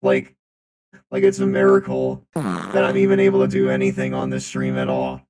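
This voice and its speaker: Man in a booming metallic robot voice. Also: huge pitch swings, moderate pace, vocal fry, very noisy. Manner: rambling, repeats phrases over and over. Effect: booming, deep, metallic robot voice changer. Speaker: streamer. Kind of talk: casual live-stream chat.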